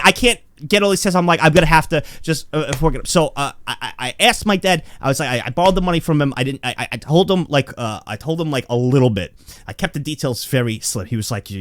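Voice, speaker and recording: Animated young man telling a wild story. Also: fairly high pitch, no echo. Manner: animated, stammering, acts out voices. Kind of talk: casual comedic storytelling.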